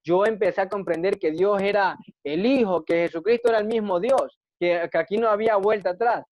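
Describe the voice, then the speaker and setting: A man's voice: high voice, a little fast, darkish tone, dry recording. A man preaching and giving a personal testimony in an earnest, repetitive way, often asking rhetorical questions. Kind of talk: testimony sermon. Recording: dull dry lo-fi recording.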